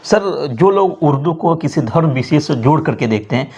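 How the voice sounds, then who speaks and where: A man's voice: fairly high pitch, expressive, normal speed, darkish tone, husky. A man hosting a local news interview, asking brief, polite questions.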